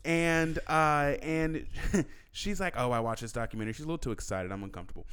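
A man's voice: a little high, fairly quick, fairly bright tone, clean tone. A man co-hosting a podcast, telling a story in casual chat, teasing and swearing freely. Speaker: podcast co-host.

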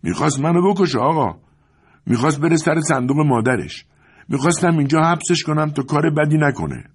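A man's voice: on the high side, animated, husky, pitched above the performer's own voice. A man voicing a frightened male servant who pleads urgently. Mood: pleading.

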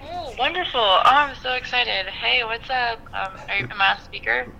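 A young woman calling in, heard through a phone on speaker, chatty and excitable. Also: on the high side, normal speed, creaky, dull audio, a little hiss or hum. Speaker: phone-in caller.

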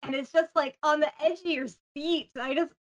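High-pitched woman on a podcast, gushy and excited, lots of likes. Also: moderate pace. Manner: excitable, gushing, full of "like". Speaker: podcast host. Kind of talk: casual podcast chat.

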